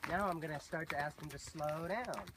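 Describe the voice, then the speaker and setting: A man teaching horse handling, giving calm, soothing voice cues to a horse outdoors. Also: fairly high pitch, a little fast. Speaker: horse trainer. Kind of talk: instructional demonstration. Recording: loud outdoor noise, distant mic.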